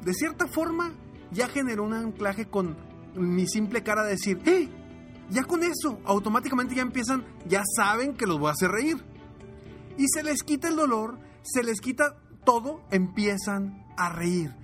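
A man's voice: high voice, normal speed. A man hosting a podcast as a business coach, giving a motivational talk and acting out voices as he tells stories. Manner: animated, acts out his children's voices. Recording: music bed underneath.

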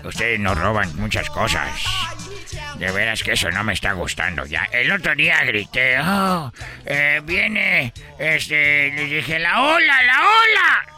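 A man doing a bragging street-food vendor for a radio comedy sketch, his thin, singsong voice unhurried and very bright. The pitch swings widely from line to line. He delivers absurd jokes deadpan and acts out the other voices in his stories. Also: soft background music. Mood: boastful. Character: boastful fast-talking foreign street-food vendor man. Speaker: comic character.

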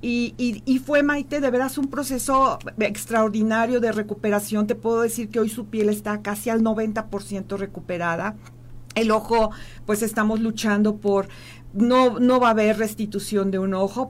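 A woman, a guest in an emotional interview, speaking heartfelt and pausing often. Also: mid-range voice, a little hiss or hum.

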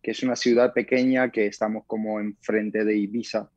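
A young man from Spain, a guest fighter answering interview questions in a calm, modest way. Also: on the low side, moderate pace, dry recording, dull audio.

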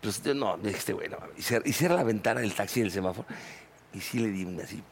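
A Mexican man in a casual chat, telling an animated story and swearing freely. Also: on the low side, fast talker, background noise.

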